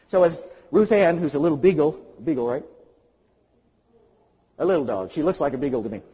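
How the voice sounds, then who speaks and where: A male pastor preaching an impassioned sermon, swinging from quiet to loud. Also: medium pitch, breathy edge, big-room sound, low-quality recording.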